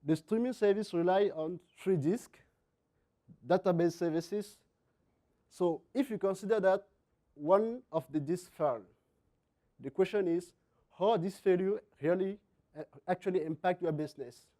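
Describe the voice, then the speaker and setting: A man from Cameroon with a French-Cameroonian accent gives a technical conference presentation in halting non-native English, sometimes repeating words. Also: high voice, dark tone. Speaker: conference speaker, software engineer.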